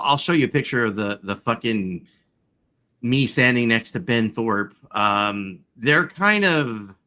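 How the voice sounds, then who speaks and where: In a mid-range voice that comes across pushed and bright, a man in his forties with chronic back pain chats loosely. He wanders from point to point, leaning on fillers and swearing now and then.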